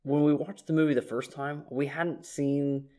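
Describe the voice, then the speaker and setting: A man's voice: on the high side, fairly even intonation, normal speed, darkish tone. A man co-hosting a podcast, reflective and agreeable, giving his take on a film with frequent "you know"s. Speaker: podcast co-host. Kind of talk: casual movie review chat.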